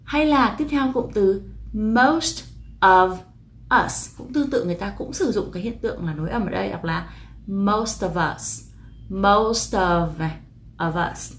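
A woman teaching English pronunciation in a video lesson, explaining patiently and slowly repeating each example. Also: mid-range voice, a little hiss or hum.

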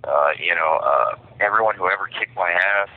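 A man with a deep, low voice tells his story over a prison phone line. He speaks haltingly and frankly, stopping often on "uh" and "um". The sound is thin and tinny, squeezed through a telephone. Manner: halting, many fillers, frank. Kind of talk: personal confession by phone.

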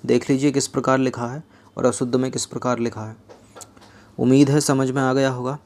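Young guy teaching a grammar lesson, reads examples out slow, cracks little jokes, mid-pitched voice. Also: little pitch movement, a little mellow. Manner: reads example sentences slowly, adds joking asides. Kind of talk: exam-prep grammar lesson.

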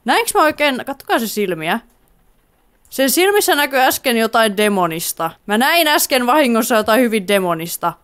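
A woman's voice: a little high, fairly bright tone. A woman giving playful let's play commentary with a Finnish accent, giggling often and talking to the game character. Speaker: gaming YouTuber.

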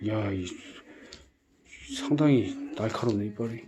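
A man talking casually in a gruff, exasperated way, scolding and sighing, with repeated commands and frequent swearing. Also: lowish voice, measured pace, lo-fi sound. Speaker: vlogger caring for puppies.

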